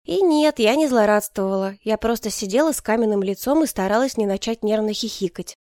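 A woman reading a first-person story aloud in a calm, wry way. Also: mid-range voice, fairly quick, no echo, studio quality. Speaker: audiobook narrator. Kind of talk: first-person scripted narration.

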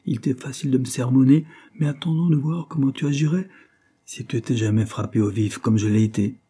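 A man reading an audiobook, voicing a bitter, sharp-tongued young man who lies sulking in bed. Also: mid-range voice, fairly quick, husky, pitched above the performer's own voice, lightly acted. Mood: bitter, irritated. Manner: sarcastic, irritated. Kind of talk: audiobook character voice.

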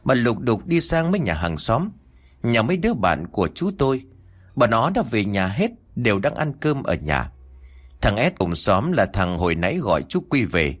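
A man narrating a rural ghost story in an expressive, dramatic storytelling manner. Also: lowish voice, moderate pace.

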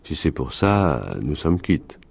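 A man's voice: very deep voice, sing-song, takes it slowly, creaky, husky, dry recording, full character voice. A man voicing a wary, terse farmer in a story reading. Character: wary middle-aged male farmer, terse.

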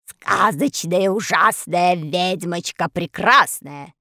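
A woman's voice: lowish voice, big pitch swings, moderate pace, gravelly, sharp tone, breathy edge, no echo, clean studio sound, pitched below the performer's own voice, exaggerated voice. A woman voicing a sly male sorcerer disguised as a fairy-tale girl, speaking in sing-song rhymes.

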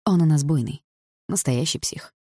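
A woman's voice: sits low, moderate pace, warm tone, slightly rough, no echo, clean studio sound. A woman voicing an arrogant young man who speaks in a sneering, condescending way. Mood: taunting.

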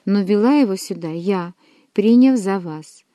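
A woman's voice: mid-range voice, a little slow, mellow, no echo, lightly acted. A woman voicing a young queen who teases and reproaches her lover. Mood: reproachful. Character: young queen, teasing and commanding.

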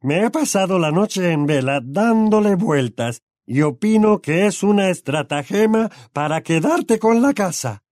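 Guy putting on a loud bossy uncle, pushed way up high, slow shouty drawl, audiobook. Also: lively intonation, no echo, studio quality. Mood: bellowing angry. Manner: shouting, drawn-out and overbearing. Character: blustering bullying middle-aged uncle, bellowing. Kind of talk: audiobook character voice.

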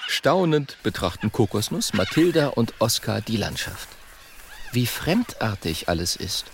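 A man narrating a children's story in an expressive scripted style. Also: fairly low pitch, a little slow, background noise.

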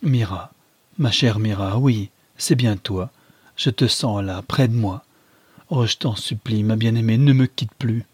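A man reading aloud voices a desperate young husband who pleads in a slow, trembling voice. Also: on the low side, a little mellow, slightly rough, no room sound. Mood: pleading.

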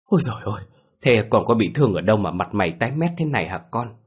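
A man's voice: lowish voice, big pitch swings, rapid-fire, slightly rough. A man voicing a fretful, anxious old village mother who fusses over her son in a ghost story. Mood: alarmed. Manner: fretful exclaiming.

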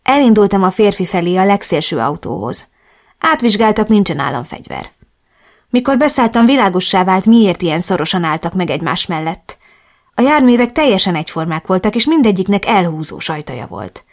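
A woman reading a first-person novel aloud as audiobook narrator, in a steady, clear storytelling manner. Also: medium pitch.

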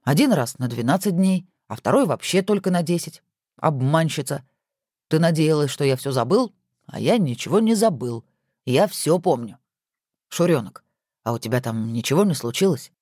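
A woman's voice: deep voice, lively intonation, normal speed, darkish tone, dry recording, clean studio sound. A woman voicing a grumbling, bantering husband in an audiobook. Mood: teasing. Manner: bantering, mock-grumpy. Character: teasing grumbling adult husband.

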